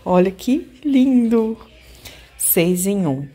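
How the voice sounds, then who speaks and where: A woman's voice: medium pitch, expressive, very slow, mellow, breathy edge, soft background music. A woman in her forties filming a casual unboxing vlog in her home kitchen, chatting to her viewers. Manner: chatty, addresses viewers as "gente". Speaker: home vlogger. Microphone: handheld phone camera.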